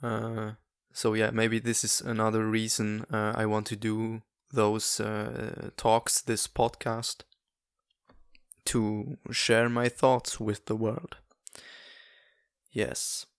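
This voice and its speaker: Here a young Swiss podcaster, not a native English speaker, delivers a casual solo talk full of fillers, pauses and restarts. He has a fairly low, smooth voice with a flat delivery, and the studio-quality recording carries no room sound.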